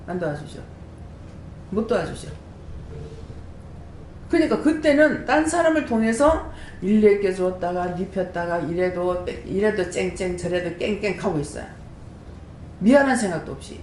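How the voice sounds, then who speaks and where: A woman, a prayer house director, giving an animated testimony sermon and throwing rhetorical questions to the congregation. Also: normal speed, pauses often. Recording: echoey room with faint rumble.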